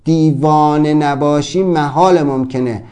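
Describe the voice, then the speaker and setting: A man's voice: on the high side, fairly even intonation, warm tone, smooth. A man giving a motivational seminar talk, telling stories animatedly and acting out the voices of the people he quotes. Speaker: motivational speaker.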